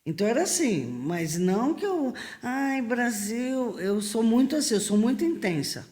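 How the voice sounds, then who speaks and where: A middle-aged woman from Brazil, a missionary guest on a podcast, telling stories in a lively way, acting out the voices she quotes and laughing often. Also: medium pitch, fairly quick. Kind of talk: lively storytelling in a podcast interview.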